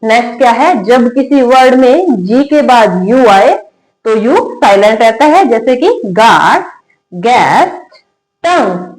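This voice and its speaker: A woman's voice: fairly high pitch, lively intonation, takes it slowly, low-quality recording. A woman teaching an English lesson in Hindi, repeating each word and asking herself questions before she answers them. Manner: repetitive call-and-response drilling, asking and answering her own questions.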